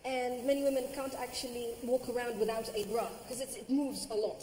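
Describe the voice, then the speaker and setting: A woman's voice: fairly high pitch, steady tone, brisk, reverberant, big-room sound, background noise. A woman with a Kenyan accent speaking on a reunion panel, outspoken and mixing English with Sheng. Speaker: reality show cast member. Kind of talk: panel discussion.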